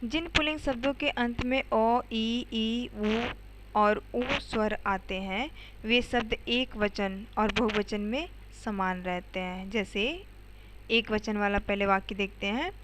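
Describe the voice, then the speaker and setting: Slow-speaking woman teacher. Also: medium pitch, steady tone, noisy background. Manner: explains step by step with frequent "okay" and "theek hai" checks; addresses students directly with questions. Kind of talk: grammar lesson for schoolchildren.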